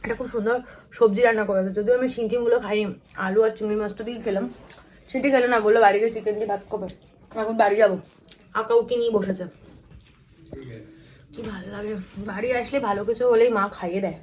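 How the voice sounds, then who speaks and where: A woman's voice: medium pitch, fairly even intonation, quick pace, long pauses, darkish tone, slight background noise, poor audio. Chatty woman vlogging at home. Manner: chatty, addresses viewers directly. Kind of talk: casual daily vlog chat.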